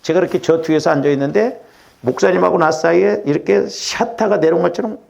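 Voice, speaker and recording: A man's voice: on the high side, brisk, creaky, a little mellow. A middle-aged male pastor giving a conversational sermon, often checking in with the congregation. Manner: conversational preaching with rhetorical checks.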